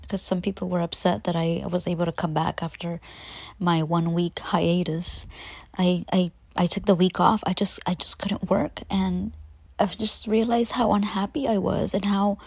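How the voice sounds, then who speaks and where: A young woman hosting a podcast, talking through her struggles in an emotional, halting way, sometimes dropping to a whisper. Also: mid-range voice, steady tone, slightly rough, no room sound. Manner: emotional, halting, with frequent restarts and soft whispered stretches. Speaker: podcast host. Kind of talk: personal confessional monologue.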